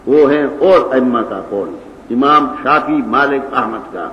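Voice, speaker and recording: An older man with a Pashtun-accented Urdu, teaching scripture in a didactic, argumentative lecture and reciting Arabic passages. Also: medium pitch. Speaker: Quran and hadith teacher. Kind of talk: religious lecture. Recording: echoey hall, dull lo-fi old recording.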